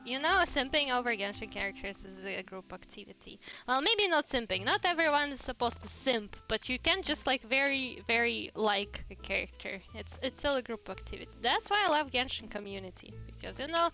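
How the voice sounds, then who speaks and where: A woman's voice: fairly high pitch, expressive, fairly quick, hardly any pauses, sharp tone, faint music behind, low-quality recording. A woman with a Russian accent, chatting casually and rambling on a game livestream. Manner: chatty and rambling, laughs often. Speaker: VTuber streamer.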